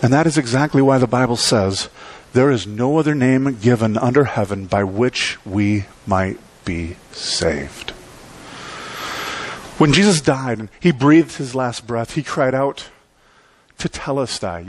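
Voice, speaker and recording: A middle-aged man with a medium-pitched voice preaches an animated sermon from a church pulpit. He uses dramatic pauses and sweeping gestures.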